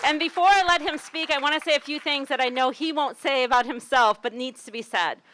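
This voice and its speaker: A woman warmly introducing a friend at an outdoor rally. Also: high-pitched, a little fast, a crowd in the background, background noise. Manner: warm, admiring praise. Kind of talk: introductory speech.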